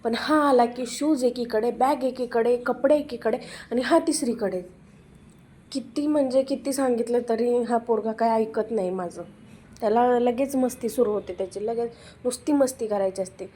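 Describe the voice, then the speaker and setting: A woman's voice: fairly high pitch, normal speed, warm tone, husky. A young woman with a Marathi accent, talking candidly about her children and advising other mothers in a casual home vlog. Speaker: vlogger and mother.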